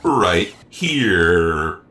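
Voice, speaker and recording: A man playing a pedantic, literal-minded robot companion in an audio comedy, speaking formally and deadpan with a touch of snippiness. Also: sits low, extremely slow, heavily acted. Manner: formal, stiff, deadpan phrasing. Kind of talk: scripted audio comedy acting.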